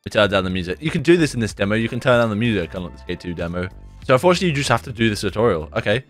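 A young gaming YouTuber gives casual gameplay commentary into a desk mic in his bedroom, chatty and rambling, saying "like" and "dude" constantly. His voice is deeper and a bit rough from a recent sore throat, and he's very animated, talking rapid-fire. Soft game music runs in the background.

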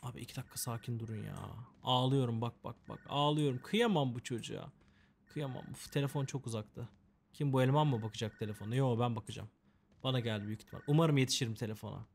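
A man of ordinary pitch talks through a game in a loose, joking way. He chats to the characters on screen and grumbles about his bad luck with playful overstatement. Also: quick pace, creaky, a little hiss or hum. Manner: mock-dramatic complaining. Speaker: gameplay commentator. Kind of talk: casual let's-play commentary.

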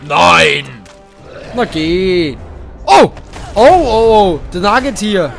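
A man giving playful, hammy gameplay commentary, dropping in English phrases and sudden shouts. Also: high-pitched, animated, drawn-out words, creaky, soft background music. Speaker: let's play gamer.

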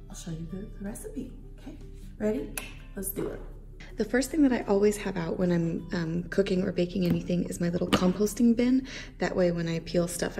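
A woman's voice: mid-range voice, vocal fry. A woman in her thirties chatting casually through a home baking demo in her kitchen, rambling with lots of fillers.

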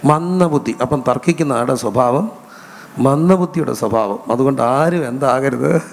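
A man's voice: medium pitch, normal speed, gravelly, big-room sound, slight background noise. A man with a Malayali accent preaching a sermon as pastor, asking his congregation questions and answering them himself, stretching out key words. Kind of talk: sermon with call-and-response questions. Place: church hall.

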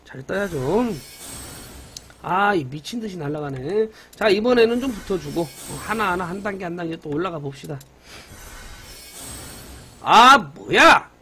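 A man's voice: sits high, a little slow, pauses often. A young man streaming a mobile game live, cheering on his upgrades and bantering playfully with chat viewers. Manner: excited, banters with viewers, mock-cursing.

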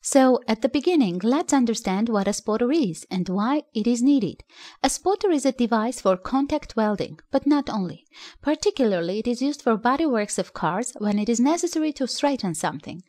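A woman's voice: on the high side, moderate pace. Woman narrating an electronics build. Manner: steady explanatory reading with non-native phrasing. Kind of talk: scripted voice-over narration. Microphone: voice-over.

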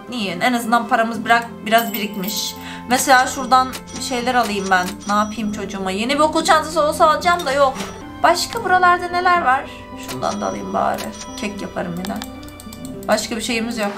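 A woman's voice: a little high, animated, brisk, over music. A woman hosting a gaming channel, chatting through a let's-play in a talkative, emotional way full of exclamations.

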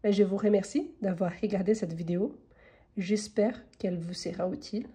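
Stuffed up from a cold, a woman gives an online French grammar lesson at normal speed. Her husky voice is mellow and sits at a medium pitch. She reads every exercise sentence with patience before walking through the rule behind it.

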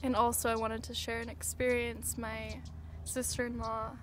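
A woman in her twenties talking to camera outdoors in a reflective vlog, dreamy, halting and earnest while tripping on mushrooms. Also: a little high, level tone. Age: 20s. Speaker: vlogger. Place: outdoors on a sandy riverbank. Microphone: camera or phone at arm's length. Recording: outdoor ambient noise, handheld camera.

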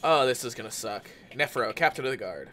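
This gamer's medium-pitched voice is bright and forceful, with lively intonation and a brisk pace, as he gives casual let's play commentary. He yelps and swears each time he takes a hit. Game music runs in the background, along with slight noise.

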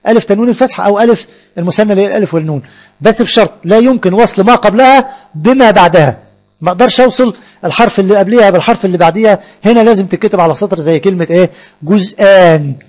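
A man's voice: high-pitched, rapid-fire, a little mellow. A man with an Egyptian Arabic accent teaching a grammar lesson, explaining step by step and answering his own questions, stretching out example words.

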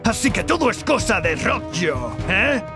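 A man's voice: high-pitched, sing-song, measured pace, vocal fry, exaggerated voice. A man voicing a bold animal martial-arts hero in a cartoon. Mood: commanding, determined. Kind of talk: animated cartoon dub acting. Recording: loud music behind the voice.

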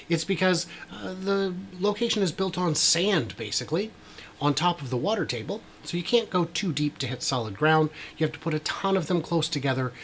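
Slightly high-voiced, a fortysomething man hosts a YouTube video from a small brick-walled room, tossing wry, casual remarks over drone shots. He leans on lots of "uh" fillers, and light background noise can be heard.

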